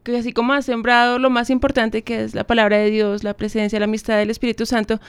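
Smooth-voiced woman co-host. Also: on the high side, flat delivery, fast, no room sound. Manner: supportive, affirming. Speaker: radio show co-host.

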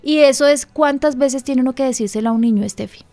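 A woman's voice: high voice, fast talker, mellow, no echo, soft background music. A woman pastor hosting a radio program, giving emphatic, earnest parenting advice in a conversational way. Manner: earnest, emphatic, acts out dialogue with her child.

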